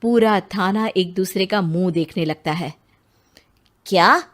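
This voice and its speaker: A woman's voice: fairly low pitch, moderate pace, a little mellow. A woman narrating a cartoon horror story in a dramatic storytelling voice.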